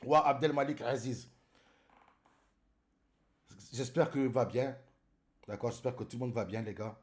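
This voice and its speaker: A man's voice: mid-range voice, steady tone, unhurried. A man streaming live in casual chat, greeting viewers by name and calling them brother.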